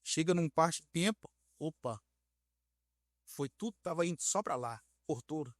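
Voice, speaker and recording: A bishop with a Brazilian Portuguese accent tells a story on a podcast, frank and animated, voicing each person he quotes. His male voice sits a little high, and the sound is close and dry with no room behind it. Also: measured pace, dry recording. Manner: animated, acts out dialogue in his stories; frank, direct speaker.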